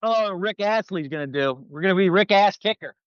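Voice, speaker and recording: This American guest from Philadelphia, who works as a publicist and commentator, speaks in a high, clean voice at a quick pace, delivering casual political commentary in a brash, sarcastic, salty way. The recording is dry, and the mic sounds slightly dull.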